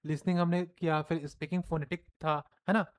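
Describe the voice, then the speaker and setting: A man's voice: fairly high pitch, a little fast. Hindi-speaking male teacher, question-and-answer lecture. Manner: lively, mixes Hindi and English, asks and answers his own questions. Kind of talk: classroom lecture.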